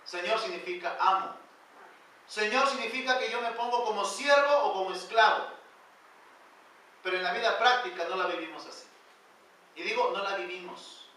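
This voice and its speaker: A male pastor preaching a sermon in a church, pushing phrases up loud and then sinking them to a near hush. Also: high-pitched, normal speed, pauses often, a little hiss or hum. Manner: emphatic preaching, rising loud then dropping quiet. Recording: very echoey church hall, voice from far off.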